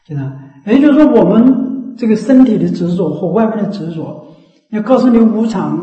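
High-voiced man giving a dharma talk. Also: dark tone. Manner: emphatic, repetitive, frequent rhetorical questions. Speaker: Buddhist teacher. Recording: echoey, dull lo-fi recording.

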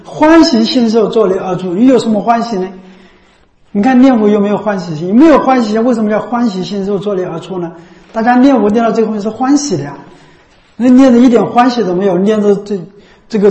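A man's voice: high-pitched, mellow. A man teaching a group how to recite a Buddhist chant, repeating himself and demonstrating the chant as he goes. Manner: repetitive, keeps asking "know what I mean?". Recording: echoey room.

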